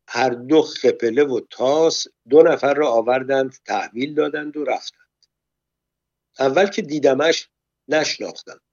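A man narrating a story aloud in a calm, measured way. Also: medium pitch, no echo, dull audio.

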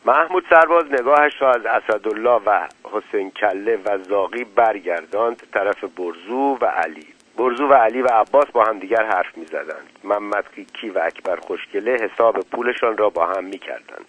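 A man narrating a novel as an audiobook reader, telling the story in a measured way. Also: on the low side, fairly bright tone, poor audio. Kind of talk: narrating a novel, voicing the characters.

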